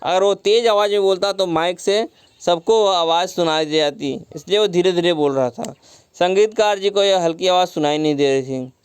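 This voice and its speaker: High, smooth-voiced man explaining a story. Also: moderate pace, no echo. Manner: retells and glosses each line with simple synonyms; mixes English words into the explanation. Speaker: teacher.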